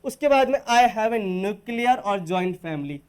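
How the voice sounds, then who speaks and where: A man from Rajasthan teaching spoken English in a recorded online lesson. He is patient, calls his students "beta" and says the English model phrases slowly. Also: sits high, lively intonation, darkish tone, clear, resonant tone. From Rajasthan, India.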